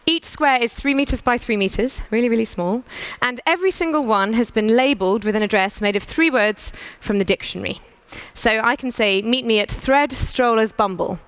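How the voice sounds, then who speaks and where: A woman's voice: fairly high pitch, a bit bright, clear, resonant tone, no room sound. Persuasive British woman giving a conference talk. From United Kingdom. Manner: brisk and persuasive, with rhetorical questions. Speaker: conference speaker.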